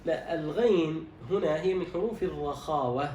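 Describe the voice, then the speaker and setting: A man teaching Quran recitation, quizzing his student and drawing out words slowly to demonstrate them. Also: fairly high pitch, darkish tone. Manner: instructive, quizzes and demonstrates slow drawn-out words. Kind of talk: recitation lesson, correcting a student. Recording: roomy echo, distant mic, faint noise.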